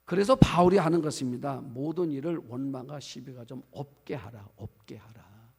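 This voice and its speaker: A man's voice: medium pitch, normal speed, vocal fry, darkish tone, husky. A male pastor preaching a sermon to his congregation, asking them questions as he goes. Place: church sanctuary. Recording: long church hall reverb.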